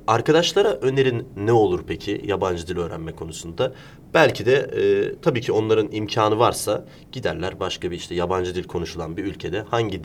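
A man's voice: on the low side, a little hiss or hum. A man from Turkey hosting a casual interview, explaining things through examples and rhetorical questions. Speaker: interview host.

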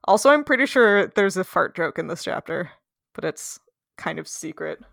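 A woman's voice: lowish voice, expressive, creaky, fairly bright tone, no room sound, studio quality. A woman co-hosting a casual book-club podcast, asking puzzled questions and laughing easily. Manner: quizzical, quick to laugh. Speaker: podcast co-host.

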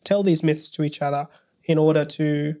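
A young adult early childhood educator chatting as a podcast guest. The voice sits at a middling pitch and often stops to restart a thought. Now and then a dry joke lightens the talk. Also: fairly even intonation, moderate pace, warm tone. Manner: hesitant, with many restarts and wry jokes. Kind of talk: casual podcast conversation.

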